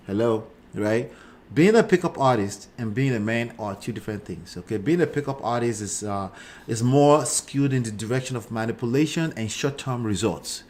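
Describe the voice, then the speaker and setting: Hosting a live show, this Nigerian-accented man in his forties gives laid-back commentary in a medium-pitched, slightly mellow voice, frequently tacking on quick check-ins such as "right" and "okay."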